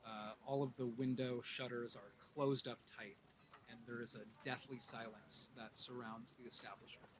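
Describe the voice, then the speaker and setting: A man narrating a tabletop game as game master, conversational and halting as he describes scenes. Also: medium pitch, fairly even intonation, noisy background. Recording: guitar music behind the voice.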